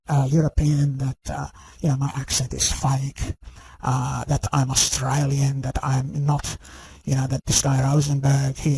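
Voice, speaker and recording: A channel host rants to camera in a rambling, scornful monologue, peppering it with "you know" and "okay?" and sounding insistent. His medium-pitched voice is gravelly, darkish, and slightly rough. The recording is dry and low in quality.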